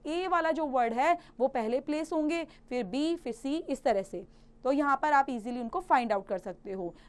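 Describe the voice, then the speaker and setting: A woman with an Indian accent teaching a grammar lesson to children. She reads English slowly and carefully, then explains quickly in Hindi. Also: high voice.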